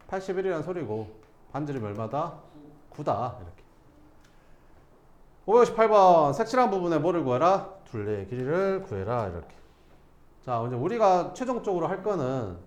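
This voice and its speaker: A man's voice: mid-range voice, darkish tone, reverberant, a little hiss or hum. A male math teacher giving a classroom lesson, casually questioning students and answering himself.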